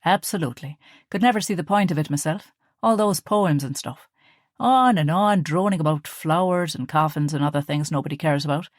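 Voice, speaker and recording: A woman's voice: sits low, brisk, no echo, clean studio sound, close to an everyday voice. A woman voicing a cheerful young brother. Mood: jaunty. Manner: playful, teasing, loud and lively. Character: young man, cheerful joking kid brother. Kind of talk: audiobook character reading.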